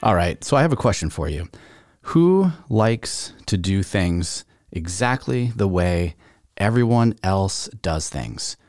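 Lower-voiced man hosting a casual podcast. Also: very animated, slow, a little mellow, no room sound, studio quality. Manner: chatty, asks the listener rhetorical questions. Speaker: podcast host. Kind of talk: casual solo podcast talk.

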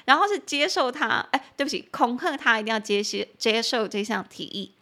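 A young woman with a bright, clear voice pitched a little high, teaching English on her podcast. She chats along in Mandarin, drops into English for example phrases, and slows down to spell words out letter by letter. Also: animated. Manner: chatty, switches between Mandarin and English, spells words out slowly. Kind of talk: bilingual language lesson.

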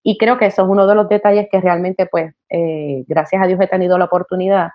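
A woman, a counselor talking as a podcast guest, passionate and animated, with many fillers. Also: on the low side, fast. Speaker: guest, college admissions counselor. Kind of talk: conversational podcast interview. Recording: slightly dull podcast audio.

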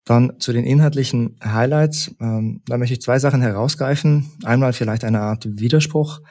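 A man from Leipzig, a researcher and lecturer, calmly explaining study results point by point as a podcast guest. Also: mid-range voice. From Leipzig, Germany. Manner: measured, structured, lists points in order. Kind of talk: explanatory interview talk.

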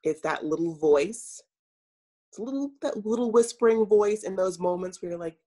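A woman coach speaking as an interview guest, measured and earnest, pausing often with fillers. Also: medium pitch, dark tone. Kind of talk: reflective interview talk.

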